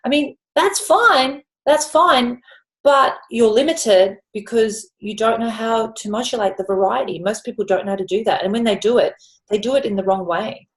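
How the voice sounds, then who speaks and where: A woman voice coach in an interview, explaining voice technique with lively demonstrations. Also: medium pitch, fairly quick. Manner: animated teacher, drops into vocal demonstrations.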